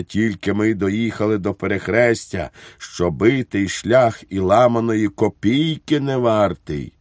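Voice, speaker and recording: A man voicing a calm, deferential army chauffeur who speaks matter-of-factly. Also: lowish voice, no echo, studio quality, close to an everyday voice. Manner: calm, matter-of-fact, polite.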